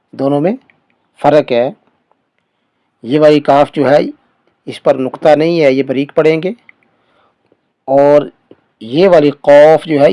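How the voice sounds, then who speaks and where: A man's voice: fairly high pitch, mellow, no echo. Man teaching letter sounds, close dry voice. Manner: sounds out letters slowly, stressing each syllable. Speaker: Quran reading teacher. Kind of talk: slow recitation lesson.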